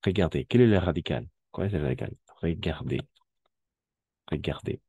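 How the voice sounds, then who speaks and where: A man's voice: very deep voice, lively intonation, normal speed, warm tone, breathy edge, no room sound. A man teaching a French class, patiently explaining and repeating key words and checking that students follow. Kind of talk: live language class explanation.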